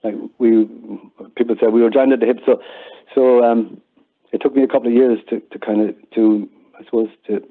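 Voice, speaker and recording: Recorded over a muffled, narrowband line that sounds like a phone, an older man from Ireland reminisces casually as an interview guest. He speaks a little fast in a steady, mid-range voice and often repeats words as he goes.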